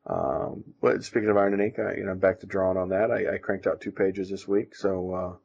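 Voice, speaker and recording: A man co-hosting a casual podcast, talking in halting, self-deprecating stops and restarts. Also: sits low, fairly even intonation, creaky, darkish tone. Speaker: podcast co-host and comic artist. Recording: dull lo-fi sound.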